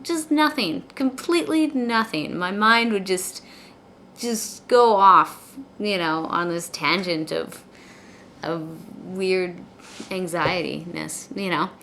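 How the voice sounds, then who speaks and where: Bright-voiced woman with soft, W-like R's. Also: fairly low pitch, slow pace. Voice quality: soft, imperfect R sounds, leaning toward W. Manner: rambling, repeats words and phrases before finishing. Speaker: video blogger. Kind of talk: casual confessional chat to camera. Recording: clear background noise.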